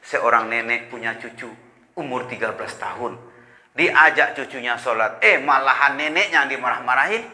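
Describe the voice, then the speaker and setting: Male preacher, bright forceful voice, lively storytelling in a reverberant mosque hall. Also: medium pitch, moderate pace. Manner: animated storytelling, acting out congregants' voices. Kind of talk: Ramadan sermon.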